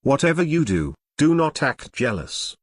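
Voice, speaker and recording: A man reading an audiobook aloud in a wry, mock-grandiose way, with dramatic pauses, close to the mic. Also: medium pitch, very animated, no room sound. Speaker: audiobook narrator. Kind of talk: scripted narration.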